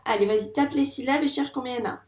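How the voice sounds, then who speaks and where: Woman, primary teacher, patient, slow drawn-out syllables, roomy echo. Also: high-pitched. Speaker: first-grade teacher. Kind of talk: phonics lesson addressed to a child.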